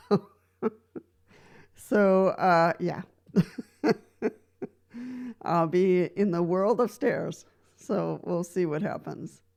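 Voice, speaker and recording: A Costa Rican woman who uses a wheelchair chats casually to camera in a vlog, sharing practical advice drawn from her own life. Her voice is fairly low, creaky and a little mellow, with drawn-out words and frequent pauses. She laughs lightly between points and often restarts with "so."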